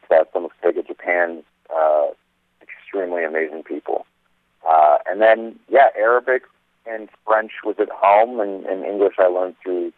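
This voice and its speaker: A Lebanese actor joins as a guest in a phone interview, his low voice coming through dry phone-line audio. He's upbeat and chatty, using lots of fillers.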